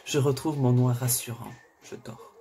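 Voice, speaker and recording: A man reads a thriller aloud in the first person. His voice is mellow and dark, mid-pitched, and he colors the narration with sudden cries and despair. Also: normal speed, vocal fry, slight background noise. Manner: expressive, swings between narration and outbursts. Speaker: reader of a thriller. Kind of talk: dramatic first-person reading.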